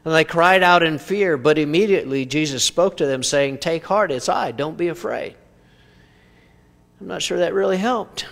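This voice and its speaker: A preacher giving a conversational sermon, asking rhetorical questions with dry humor. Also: male voice, a little high, a bit bright, big-room sound. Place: church sanctuary.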